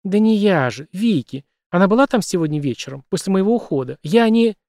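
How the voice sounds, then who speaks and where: A man's voice: high voice, expressive, a little fast, darkish tone, no echo, clean studio sound, pitched above the performer's own voice. A man reading an audiobook, voicing a frightened young woman in a raised, strained, pleading voice.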